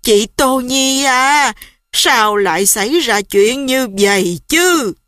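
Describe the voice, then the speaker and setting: A woman voicing a tender, horrified grandmother who speaks in a soft, drawn-out lament in an audiobook. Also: high-pitched, lively intonation, no room sound, studio quality, full character voice. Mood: dismayed. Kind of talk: audiobook character voice.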